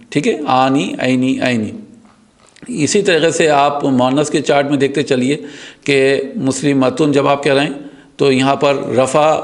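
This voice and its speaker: Man, grammar lesson, patient, repeats terms, medium pitch. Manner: patient, repeats key terms slowly and checks in with "okay?". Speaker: teacher.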